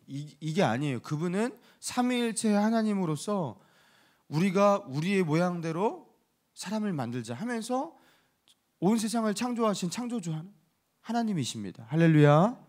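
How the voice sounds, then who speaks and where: A male pastor giving a dawn sermon, lively and animated, acting out quotes and laughing now and then. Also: on the high side. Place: church sanctuary.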